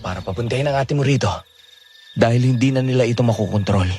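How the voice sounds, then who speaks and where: A secretive young man who speaks low and urgently, trying to keep someone quiet and safe, as a man acts him. Faint music sits under his voice. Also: quick pace, natural voice. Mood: grave. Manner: low, urgent, hushed warnings. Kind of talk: Filipino horror audio drama.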